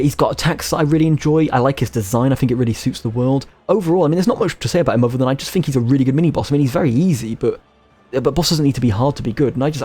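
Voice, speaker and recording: A man's voice: medium pitch, warm tone. A man giving casual, rambling commentary over gameplay, joking as he goes and often restarting his sentences. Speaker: gaming video creator.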